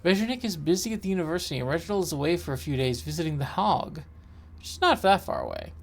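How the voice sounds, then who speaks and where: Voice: mid-range voice, sing-song, fast. A co-host reading aloud the narration of a horror game and breaking off for joking asides.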